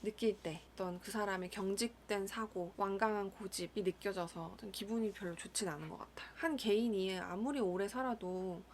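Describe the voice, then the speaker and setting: A young adult woman, a school counselor, speaking in a calm, thoughtful monologue with occasional soft whispered asides. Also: medium pitch, moderate pace, hardly any pauses, slight background noise. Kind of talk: reflective solo monologue.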